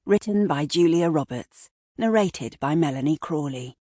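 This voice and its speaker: Low, expressive woman narrating a story. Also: moderate pace, dry recording, clean studio sound. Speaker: audiobook narrator. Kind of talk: scripted narration.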